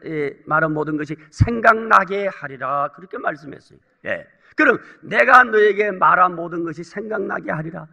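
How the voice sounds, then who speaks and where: A man's voice: high voice, creaky, pushed and bright. A male pastor preaching a sermon in a church, with emphatic calls and questions to the congregation. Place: church sanctuary.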